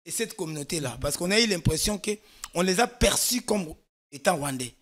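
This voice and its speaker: Congolese guy on a political talk show, kinda high voice, keeps restarting mid-sentence, hammering his points. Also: animated, normal speed, a bit bright. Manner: emphatic explaining, frequent restarts. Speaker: political guest expert. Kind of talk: studio political discussion.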